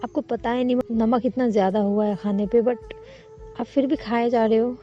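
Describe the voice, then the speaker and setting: A woman's voice: fairly high pitch, fairly even intonation, normal speed, muffled recording, faint music behind, close to an everyday voice. A woman voicing a shy, emotional young woman employee who pleads tenderly.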